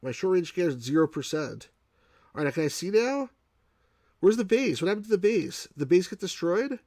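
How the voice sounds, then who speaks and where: Speaking with a warm, high-pitched voice full of big pitch swings at normal speed, a New York game reviewer streams a casual playthrough. He thinks aloud and responds to chat, his mild New York accent showing. There's no echo.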